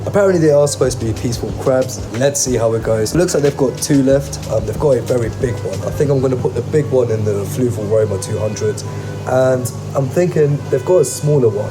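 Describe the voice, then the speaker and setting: A man's voice: mid-range voice, expressive, a little fast. Casting: male vlog host, mid-range voice, colloquial and keen, addresses the audience directly, music underneath. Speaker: host of an aquarium hobby channel. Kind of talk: enthusiastic casual vlog narration.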